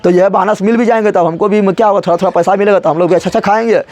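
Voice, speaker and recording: Fast high-voiced teacher. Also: male voice, fairly even intonation, a little mellow. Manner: repeats his own questions and answers them, addresses students directly. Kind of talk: classroom lesson explaining a story.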